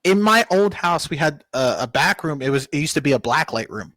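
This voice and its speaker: A man's voice: fairly high pitch, animated, a little fast, a bit bright, no echo. A young man co-hosting a podcast, telling a rowdy, profane story in casual chat and laughing often. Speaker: podcast co-host.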